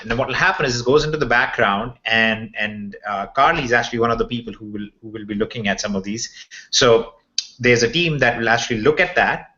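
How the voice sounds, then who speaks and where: Bright-voiced man presenting on a video call. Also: medium pitch, brisk. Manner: on a video call, explaining to viewers step by step; checks in often with "okay". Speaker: presenter of a members' update webinar. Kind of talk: informal screen-share walkthrough. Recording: muffled, lo-fi video call audio.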